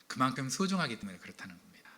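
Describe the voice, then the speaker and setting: A man's voice: medium pitch, sing-song, very fast, pushed and bright. A man preaching a sermon to a congregation, playful and teasing, asking questions and cracking jokes. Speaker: pastor. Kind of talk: humorous sermon with audience interaction. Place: church sanctuary.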